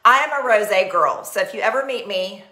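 Speaking fairly quickly and expressively, this Texan woman uses a mid-range voice with a sharp edge and a Texas accent. She's bubbly and chatty, gesturing with her hands while hosting a live-streamed sales party. Her desk webcam captures an echoey sound in her small, decorated home office.

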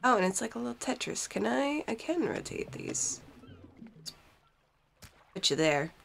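A young woman with a head cold hosts a casual let's-play from her cold basement, green screen behind her, reading the game's text out loud. Her voice sits on the high side with big pitch swings, unhurried, gravelly, and fairly bright. She uses a desk mic while wearing headphones, and a little hiss or hum is audible.

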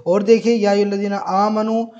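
A man's voice: sits high, flat delivery, fairly quick, a little mellow, highs cut off. A man teaching an online grammar lesson, patiently explaining and repeating points, often saying "look" and reciting examples.

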